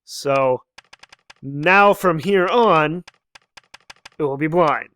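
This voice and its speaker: A man's voice: a little high, very slow, a bit bright. A young man casually commenting on a game as he plays, musing aloud, reading lines of dialogue and chuckling often. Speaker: let's play host.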